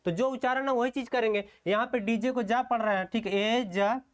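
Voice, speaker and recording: A man's voice: very high voice, fairly even intonation, clean tone. A man teaching an online shorthand class, walking through strokes step by step, often asking rhetorical questions and checking in with "okay". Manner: slow, step-by-step explanation while writing strokes.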